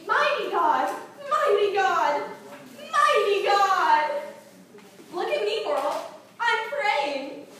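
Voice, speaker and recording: A woman's voice: very high voice, animated, bright, forceful tone, heavily acted. A woman playing an emotional teenage girl who pours out her troubles in prayer in a church skit. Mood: showy. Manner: emotional, dramatic, fast-talking. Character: anxious teenage girl pouring out woes. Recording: echoey room from far off, faint noise.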